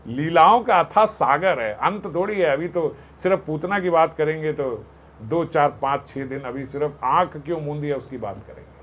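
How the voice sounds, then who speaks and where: Animated katha storyteller, man. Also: a little high, normal speed, slight background noise. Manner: animated, acts out voices and jokes with the audience. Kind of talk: devotional katha sermon.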